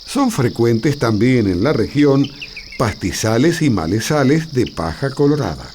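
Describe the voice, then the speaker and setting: A man narrating a scripted nature documentary in a measured, explanatory way. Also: mid-range voice, big pitch swings, a little mellow, a little hiss or hum. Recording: music behind the voice. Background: background music.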